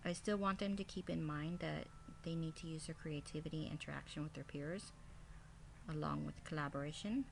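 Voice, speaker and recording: Low voiced lady teacher reading thru her lesson plan kinda haltingly, bit of background noise. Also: creaky. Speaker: kindergarten teacher.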